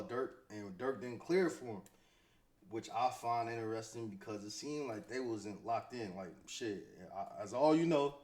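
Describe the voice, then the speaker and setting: Commentating on hip-hop news, an American-accented male host talks casually in a mid-range voice. He riffs off the cuff in slangy, chatty language and tends to say things more than once.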